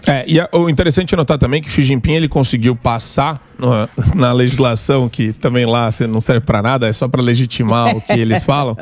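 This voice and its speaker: A man's voice: medium pitch, fairly even intonation, brisk, hardly any pauses. A man explaining politics at length on a casual panel show, in a lecturing way.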